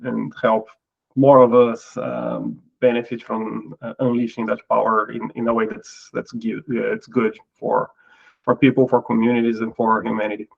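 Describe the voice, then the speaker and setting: A man's voice: mid-range voice, vocal fry, dull audio. A middle-aged Brazilian man with a Portuguese accent, a guest in an interview who talks thoughtfully and often repeats words as he restarts a phrase. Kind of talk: casual interview talk.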